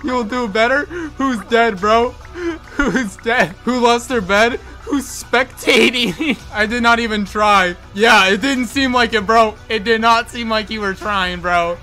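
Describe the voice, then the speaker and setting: Brief: young male gamer, bright forceful tone, cocky trash-talk, faint music underneath. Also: extremely high pitch, slow. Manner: excitable trash-talk, frequent laughing, says bro constantly. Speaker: gaming video creator. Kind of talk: live gameplay commentary.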